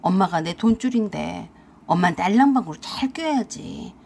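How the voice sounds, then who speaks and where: A woman's voice: mid-range voice, animated, normal speed, vocal fry, a little mellow, pitched below the performer's own voice. A woman voicing a lazy, scheming husband who wheedles and defends himself in a radio-drama story reading. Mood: wheedling.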